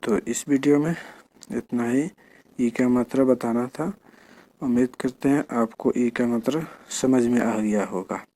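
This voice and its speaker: A man's voice: mid-range voice, measured pace, mellow. A man teaching children to read, spelling out each word syllable by syllable. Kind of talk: slow spelling lesson for children.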